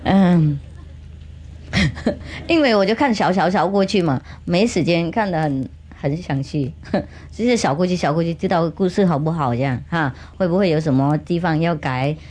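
A woman spiritual teacher telling a funny story to children in an animated, humorous way, with chatty asides. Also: on the low side, moderate pace.

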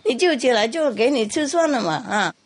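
A woman voicing a small, cheeky, drunk mouse that pleads and giggles in a squeaky voice. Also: expressive, brisk, close to an everyday voice. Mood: pleading.

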